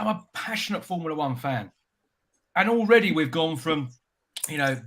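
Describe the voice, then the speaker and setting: A man with a fairly high, bright and forward voice chats casually as a panellist. His mouth is warming up from spicy food while he talks. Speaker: panellist in a hot wings challenge. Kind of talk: casual chat.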